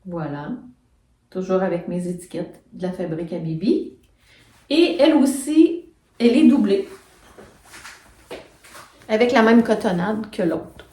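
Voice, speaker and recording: A woman's voice: medium pitch, animated, a little slow, long pauses, warm tone, recorded from a distance. Chatty Quebec woman, roomy phone audio. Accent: Quebec French. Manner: chatty, explains step by step with many fillers. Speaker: knitting and sewing vlogger. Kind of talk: casual show-and-tell chat. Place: home, filmed on a phone. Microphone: phone camera set back from her. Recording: echoey room, voice off-mic.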